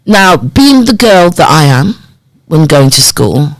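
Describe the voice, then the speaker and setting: A woman in her fifties tells her story as a podcast guest, her pitch swinging up and down as she plays out old conversations. Her voice is recorded close and dry, with no room around it. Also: takes it slowly, no room sound, rough recording. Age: 50s. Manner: animated storyteller who acts out remembered dialogue. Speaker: podcast guest, community development worker. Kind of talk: personal storytelling in a podcast interview.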